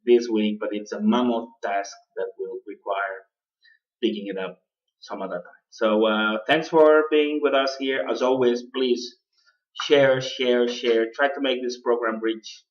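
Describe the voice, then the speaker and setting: A radio show host whose first language isn't English delivers a political commentary monologue in a halting way, full of "uh" fillers and restarts. His voice is lowish and steady in tone, and the lo-fi recording sounds distant and dull.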